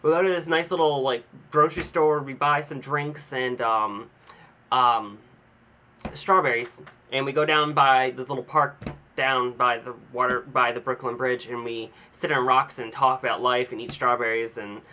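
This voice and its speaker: A man's voice: mid-range voice, moderate pace, slight background noise. A young man casually telling a rambling, self-mocking story to a camera in his home vlog. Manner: chatty, animated, self-mocking. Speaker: vlogger.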